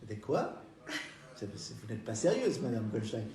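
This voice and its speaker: A man's voice: mid-range voice, huge pitch swings, normal speed, dark tone, pitched below the performer's own voice. A man voicing a polite, flustered middle-aged banker who stammers and hesitates. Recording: roomy, from a distance.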